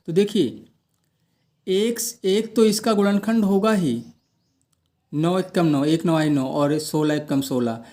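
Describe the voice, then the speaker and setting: Slow, mellow-voiced male math teacher. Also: on the high side. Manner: asks questions and answers them himself. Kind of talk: explaining a math lesson.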